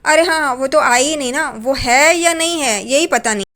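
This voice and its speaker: A woman's voice: high-pitched, moderate pace, a bit bright. A woman casually retelling a TV serial episode scene by scene, reading out the characters' lines in plain quotes. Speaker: serial recap narrator. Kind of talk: casual spoken plot recap.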